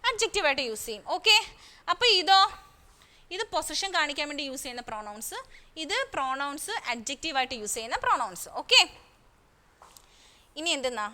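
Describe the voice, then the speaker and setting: Kerala lady teaching little kids online, high bright voice, slow careful english, asks then answers herself. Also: big pitch swings. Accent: Kerala Indian English. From Kerala, India. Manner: slow careful English, quick Malayalam asides, asks and answers own questions. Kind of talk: recorded online class for young children.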